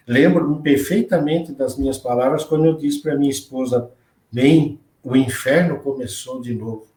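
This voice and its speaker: A man tells a personal story in earnest as an interview guest, acting out what others said to him. His voice sits a little high for a man. The recording is roomy and distant, as if he sits well back from the mic. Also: dark tone. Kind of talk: personal testimony in a live interview.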